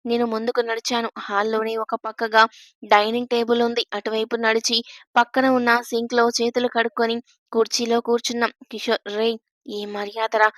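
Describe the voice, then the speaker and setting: Woman storyteller, even steady reading, fairly high voice, very little pitch movement, dry close sound. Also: fairly quick, dry recording. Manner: steady, even reading of a first-person tale. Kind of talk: scripted story narration.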